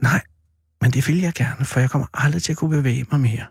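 A creaky, husky voice speaks as a gentle, weakened older brother, calm and tender in his consoling words, read by a man. The sound is dry and close to the mic. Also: mid-range voice, no echo. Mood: quiet.

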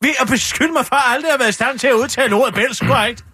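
A man's voice: extremely high pitch, sharp tone, husky, no room sound. A man co-hosting a comic radio show, bantering in a mock-outraged, theatrical, accusing way in a studio.

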